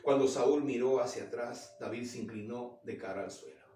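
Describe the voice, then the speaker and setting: A man's voice: medium pitch, moderate pace, dark tone. A male pastor preaching a sermon, retelling a story and asking the congregation earnest, direct questions. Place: church. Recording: roomy echo, mic at a distance.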